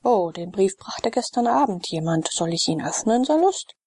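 A woman's voice: medium pitch, sing-song, moderate pace, darkish tone, husky. A woman reading the part of a loyal, cautious freedman who earnestly advises his master.

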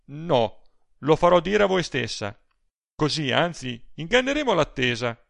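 Man playing an older gent, teasing, ironic, slow gravelly voice, dry. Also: a little high, very animated, a bit bright, dry recording, voice pushed up, full character voice. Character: aging gallant gentleman, ironic and persistent.

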